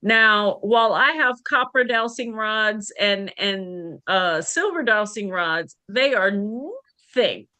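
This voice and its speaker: A woman hosting a casual live stream as a divination reader, halting and correcting herself as she goes. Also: mid-range voice, expressive, sharp tone, no echo.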